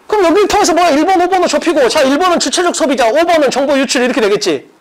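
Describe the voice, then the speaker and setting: Talking very fast in an animated, high voice, the English exam-prep teacher and academy director goes over a mock exam with his students. The recording is rough. His speech is casual and emphatic, and he drills points with repetition and rhetorical questions.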